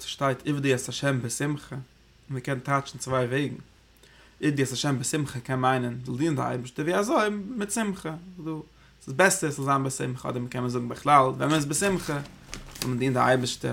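Gravelly-voiced man teaching Torah in Yiddish. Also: mid-range voice, fairly bright tone. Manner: rambling, thinking aloud, Hebrew terms woven in. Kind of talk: Yiddish Torah class on the Zohar.

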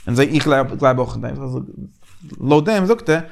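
A man leading a casual Talmudic study discussion, animated and repeating phrases as he thinks aloud. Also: mid-range voice, moderate pace, gravelly, slight background noise.

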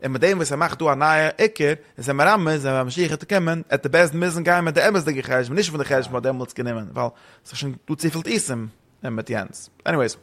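Man, rapid, somewhat high voice, rambling study-partner explainer who switches languages. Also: fairly bright tone. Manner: rambling, fast, mixes German with Hebrew and English terms. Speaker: teacher explaining a text. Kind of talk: casual study discussion.

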